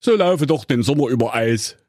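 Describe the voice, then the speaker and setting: A man voicing a gruff, offhand school caretaker. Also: medium pitch, expressive, normal speed, a little mellow, no room sound, clean studio sound, pitched above the performer's own voice, lightly acted.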